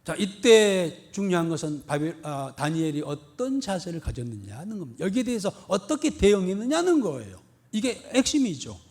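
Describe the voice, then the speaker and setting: A male senior pastor delivers an emphatic sermon. His voice sits high and swings widely. He repeats key words and fires rhetorical questions. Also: big pitch swings, normal speed, few pauses, darkish tone.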